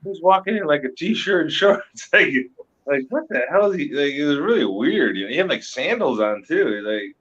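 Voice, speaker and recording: A man's voice: a little high, animated, normal speed, fairly bright tone, husky. A man chatting casually on a podcast through a voice changer, rambling with lots of fillers. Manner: loose, rambling with many fillers. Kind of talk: casual chat. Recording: dull lo-fi sound.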